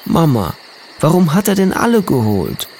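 A man voicing an excitable little boy who loves his goldfish, with a high, bubbly voice. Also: normal speed, slight background noise. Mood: tearful. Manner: high, bubbly, shrill when overjoyed.

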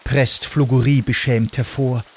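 A man reading a children's story aloud in an expressive, animated way. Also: mid-range voice, a little slow, slightly rough.

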